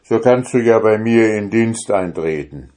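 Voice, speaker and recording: A man voicing a huge, clumsy, dim-witted giant in a storybook reading, with a loud, booming delivery. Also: expressive, a little slow. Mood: gruff.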